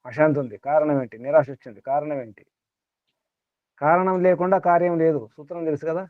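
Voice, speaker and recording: A man's voice: a little high, steady tone, a little fast, no echo. A man teaching a small group in a spiritual talk, repeating his points and asking rhetorical questions. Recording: tinny phone-like dry sound.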